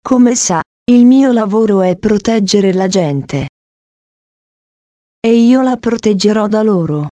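A woman reading the lines of a calm, wry male police officer in a storybook, with a mild, even delivery. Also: medium pitch, takes it slowly, no echo, lightly acted.

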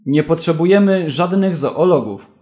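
A man's voice: a little high, expressive, moderate pace, warm tone, pitched above the performer's own voice, natural voice. A man reading the curt, commanding lines of an armed militiaman in a storybook. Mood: stern.

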